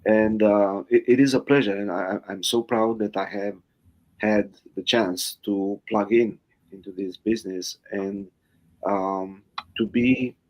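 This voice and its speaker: Low-voiced man with a Romanian accent. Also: lo-fi sound. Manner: hesitant, many fillers, earnest thanks. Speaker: guest. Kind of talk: live online interview.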